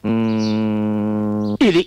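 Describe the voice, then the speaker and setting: A man's voice: lowish voice, monotone, drawn-out words, dark tone, smooth, dry recording, soft background music. A stern, protective father. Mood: fatherly. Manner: stern with others, tender with his daughter. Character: strict, protective father of a grown daughter. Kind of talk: film dialogue.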